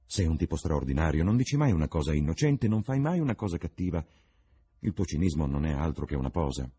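A man's voice: very deep voice, very animated, quick pace, warm tone, breathy edge, heavily acted. A man voicing an earnest, secretive young painter in a read-aloud novel.

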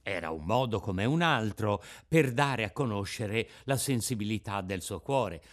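Expressive man reading a storybook aloud. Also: lowish voice, a little slow. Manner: expressive, rises and falls with the tale. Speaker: narrator. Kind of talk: theatrical audiobook reading.

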